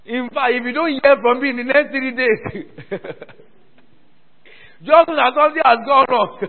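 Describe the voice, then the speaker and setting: In a church hall, a pastor delivers a sermon in an extremely high, unhurried voice, repeating phrases and prompting the congregation to respond. The audio is thin and phone-like, with a long hall reverb.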